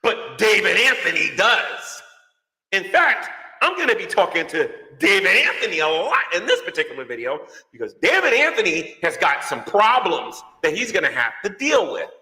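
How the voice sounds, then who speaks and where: Male YouTuber ranting, bright and lively, drowned in cave echo. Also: high-pitched, moderate pace. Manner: dramatic, preachy call-outs. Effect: heavy cave-like echo. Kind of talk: ranting video commentary. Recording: echoey reverb-heavy video clip.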